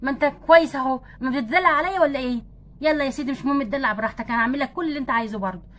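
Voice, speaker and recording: A woman voicing a caring, brisk young wife doll in an Egyptian Arabic accent, coaxing and a little bossy. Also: sits high, fairly bright tone. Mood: scolding. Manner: coaxing, bossy but tender. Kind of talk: doll play acting.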